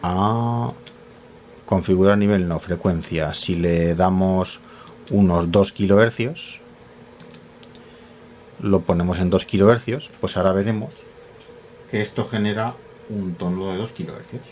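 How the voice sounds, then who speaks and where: A man's voice: deep voice, a little slow, pauses often, a little mellow, slight background noise. A man demonstrating radio test equipment in a workshop, talking casually and thinking aloud, often correcting himself with fillers. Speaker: radio equipment tutorial host.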